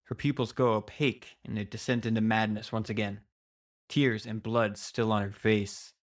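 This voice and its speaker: A man giving a dramatic, scripted first-person narration of a horror story, with deliberate pauses. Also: lowish voice, flat delivery. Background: music.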